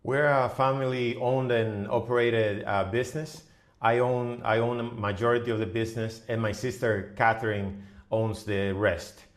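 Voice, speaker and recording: A middle-aged man from the Dominican Republic, a business owner guest on a podcast, speaking haltingly with many fillers and restarts. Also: medium pitch, flat delivery. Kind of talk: podcast interview.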